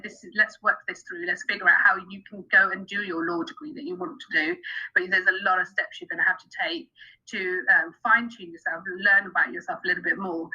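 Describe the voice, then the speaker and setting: A woman's voice: medium pitch, bright, forceful tone, breathy edge, lo-fi sound. A woman from Pakistan who grew up in the UK, a podcast guest telling her career story in a hesitant way with many fillers. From Pakistan, raised in the UK. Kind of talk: casual interview storytelling.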